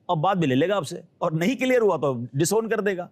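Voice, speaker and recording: A man with a fairly high voice gives earnest, cautionary advice in an interview and slips into voices for the people he quotes. The sound is close and dry, with no room echo. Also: animated. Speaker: guest advising pilgrims. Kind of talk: advisory interview talk.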